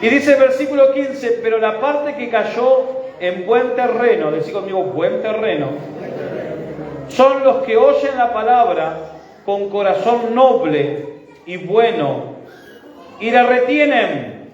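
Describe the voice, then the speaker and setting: A man's voice: extremely high pitch, animated, measured pace, a little hiss or hum. A man with a Rioplatense Spanish accent, a pastor preaching a sermon and leading his congregation in call-and-response. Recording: echoey hall, dull sound.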